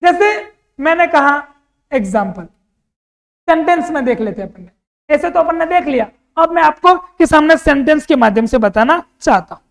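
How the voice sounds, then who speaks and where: Preparing students for an exam, a high-voiced man works through grammar, posing questions to the class and then supplying the answers himself. He speaks expressively at a moderate pace with a creaky quality, and a long hall-like reverb follows his voice.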